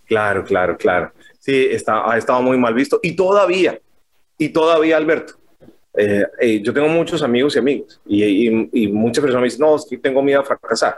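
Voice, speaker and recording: Male interviewer, mid pitch, thoughtful and hesitant, conversational questions. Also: fairly quick.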